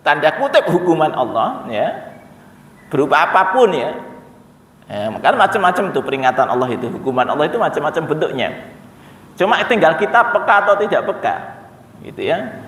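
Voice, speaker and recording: A man's voice: fairly high pitch, fairly bright tone, distant mic. A man giving a conversational religious lecture as an Islamic teacher, chuckling and acting out dialogue. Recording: echoey hall from afar.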